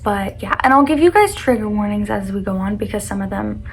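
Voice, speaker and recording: A woman's voice: mid-range voice, expressive, fairly quick, gravelly. A young adult woman reading personal poems aloud with casual commentary, in an earnest, vulnerable and slightly self-conscious way. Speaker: vlogger reading their own poetry.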